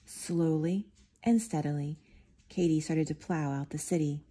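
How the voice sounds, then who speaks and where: Reading a children's picture book at a measured pace, a woman uses her warm, lightly husky, slightly low voice. Her storytelling stays steady, while the characters get lively, bright, excited voices.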